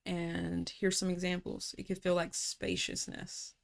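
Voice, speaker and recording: Woman coach with a lowish voice, calm and reflective, easy casual phrasing, talking through rest and surrender. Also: vocal fry. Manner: calm, unhurried, slips into casual slang. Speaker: personality typology coach.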